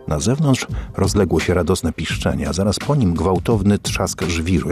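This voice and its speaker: A man reading a thriller audiobook in a measured, dramatic narration. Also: sits low, a little mellow. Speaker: audiobook reader.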